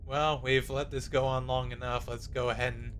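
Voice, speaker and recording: A man's voice: mid-range voice, level tone, normal speed, fairly bright tone, slight background noise. A man giving casual live commentary as he streams a game.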